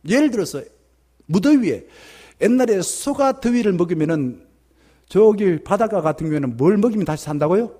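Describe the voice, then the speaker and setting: A man's voice: high voice, fairly quick. A male pastor with a Gyeongsang Korean accent preaching a sermon in church, often acting out little dialogues. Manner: lively preaching with acted-out dialogue. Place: church sanctuary.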